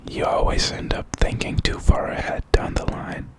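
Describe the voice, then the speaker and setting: An ASMR creator, a man, gives a whispered pep talk at normal speed. His whisper is breathy and unvoiced, and his manner is encouraging and reflective.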